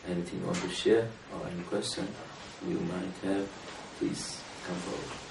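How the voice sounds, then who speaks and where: Earnest low-voiced man preaching in a roomy space. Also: steady tone, normal speed, gravelly. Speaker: religious speaker. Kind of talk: sermon to a small gathering. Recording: roomy room from a distance, faint noise.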